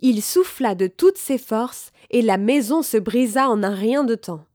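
A woman reading a children's fairy tale aloud in a calm, clear, measured way. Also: a little high, dry recording. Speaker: storyteller.

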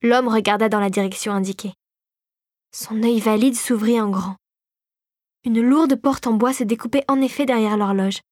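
A woman calmly narrating a storybook in a measured reading voice. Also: fairly high pitch, no echo, studio quality.

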